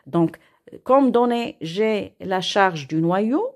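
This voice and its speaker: A woman's voice: mid-range voice, animated, slow. A woman teacher working through an exercise step by step, patiently repeating herself and asking and answering her own questions as she writes on paper. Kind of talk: step-by-step math and physics lesson.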